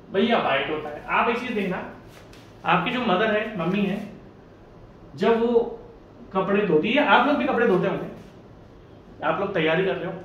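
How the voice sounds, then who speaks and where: A high-voiced, chatty male engineering exam tutor gives a casual lecture in Hindi, asking questions and answering them himself. His tone is fairly bright, but the audio is dull, captured from far off in an echoey room with faint hiss.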